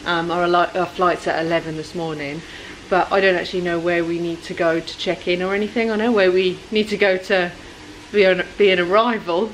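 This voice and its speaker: A woman's voice: fairly low pitch, fairly bright tone, rough recording. A young woman chatting through a casual travel vlog on a handheld phone, full of ums as she goes, in a hotel buffet and then an airport terminal. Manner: chatty, hesitant with frequent ums. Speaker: travel vlogger. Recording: clear background noise.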